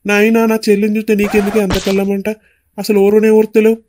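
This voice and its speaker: A man's voice: high voice, completely flat delivery, fast, a little hiss or hum, close to an everyday voice. A man voicing a hot-tempered cartoon husband. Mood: furious. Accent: Telangana Telugu. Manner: scolding, shouting threats. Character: angry young husband, hot-tempered and bossy. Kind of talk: cartoon voice acting.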